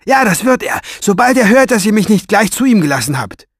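A man voicing a desperate, defiant young man in a storybook reading, with a shouting, frantic delivery. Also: high voice, very animated, brisk, no echo, studio quality, pitched above the performer's own voice, heavily acted.

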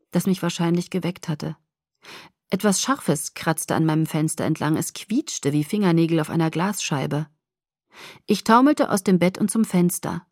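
A woman narrates a novel in the first person, her voice low and breathy. The telling stays soft and hushed, and the sound is dry and close with no room around it. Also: no echo. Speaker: audiobook reader.

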